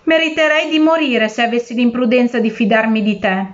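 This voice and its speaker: A woman's voice: a little high, brisk, muffled recording, close to an everyday voice. A woman reading aloud and voicing a poor fisherman who pleads for his life and then outwits his captor. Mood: defiant. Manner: pleading, then shrewd and defiant. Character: poor, desperate, clever old fisherman.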